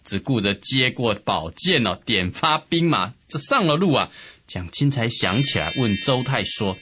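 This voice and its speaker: A man's voice: mid-range voice, unhurried, dull audio, background noise. A man narrating and quipping as half of a comic crosstalk storytelling duo. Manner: expressive, playful, reacting with quips.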